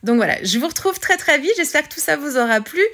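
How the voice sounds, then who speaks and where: A woman's voice: high voice, expressive, fast, bright, forceful tone. A woman chatting through a scrapbooking tutorial voice-over, hesitant with many fillers and restarts. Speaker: scrapbooking vlogger. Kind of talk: casual craft tutorial voice-over.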